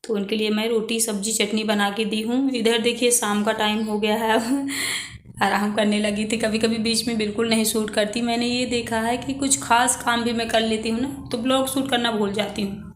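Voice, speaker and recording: A woman's voice: on the high side, flat delivery, normal speed, reverberant, slight background noise. A woman in her thirties with an Indian Hindi accent, chatting casually to viewers while doing housework at home. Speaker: vlogger. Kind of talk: casual vlog chat with viewers. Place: home kitchen.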